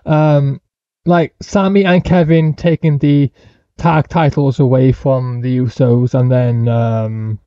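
A man's voice: mid-range voice, steady tone, slow pace, warm tone, clear, resonant tone, no echo, highs cut off. A male guest co-host giving rambling opinions on wrestling storylines, with frequent hesitations. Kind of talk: casual wrestling review podcast.

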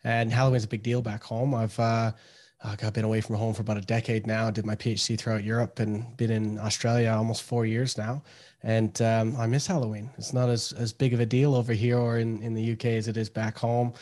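A Canadian man in his thirties speaks in a level, flat tone with little rise and fall. He answers questions plainly, as an academic guest on a casual podcast. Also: lowish voice, fairly quick. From Canada, Toronto area. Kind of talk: casual interview talk.

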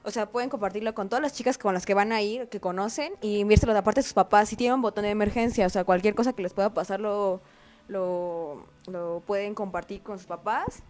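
A woman's voice: mid-range voice, brisk, darkish tone. A young woman with a Mexican accent, chatting casually on a student panel and explaining practical tips with some hesitation. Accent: Mexican Spanish. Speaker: student co-host.

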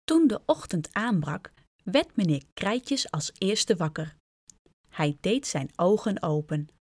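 A woman's voice: fairly low pitch, expressive, takes it slowly, a little mellow, no echo, clean studio sound. A woman reading a children's storybook aloud, speaking directly and expressively to young listeners.

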